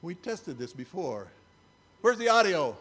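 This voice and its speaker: High-voiced older man giving a wry sermon. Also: big pitch swings, a little slow, fairly bright tone. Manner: wry, incredulous, conversational. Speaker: church speaker. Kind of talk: sermon-style talk with slides.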